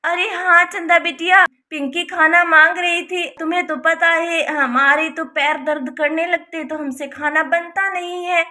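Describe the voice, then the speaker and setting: A fussy village auntie voiced by a woman frets and scolds in a very high, bright voice. She talks in a plain rustic way, always worried about someone. It is a doll-story voice, lightly acted. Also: steady tone, measured pace, hardly any pauses, full character voice. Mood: fussing. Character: fretful older village aunt, fussy and talkative. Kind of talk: Hindi doll-story voice acting.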